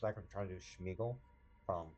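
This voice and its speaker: Deep-voiced young man, joking around. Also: fairly even intonation, a little fast, darkish tone, soft background music. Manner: joking, teasing. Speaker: podcast co-host. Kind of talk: casual chat.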